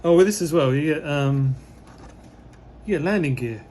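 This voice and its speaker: Losing his voice somewhat, a man with a slightly hoarse, a little high voice gives relaxed commentary while unboxing a model kit. He rambles at a moderate pace with many fillers, over slight background noise.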